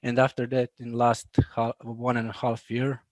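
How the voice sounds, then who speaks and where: A man in his thirties with a Croatian accent talks haltingly over a video call, full of fillers and restarts. His voice stays flat in pitch, and the recording is dry and close. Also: dry recording. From Bosnia. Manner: laughs often. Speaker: guest, BIM manager. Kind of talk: casual interview.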